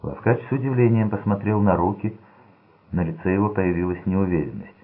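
A man reading a crime novel aloud in steady, measured scripted narration. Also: low voice. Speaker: audiobook narrator. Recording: tinny lo-fi narrow-band audio.

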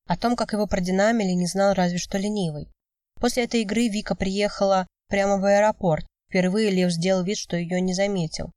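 Dark-voiced woman narrating an audiobook. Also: medium pitch, steady tone, a little fast, no room sound, clean studio sound, distant mic.

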